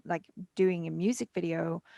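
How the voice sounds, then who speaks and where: A woman's voice: lowish voice, moderate pace, vocal fry, dark tone, dry recording. A woman from Thailand chatting and asking questions as an interviewer in a video call.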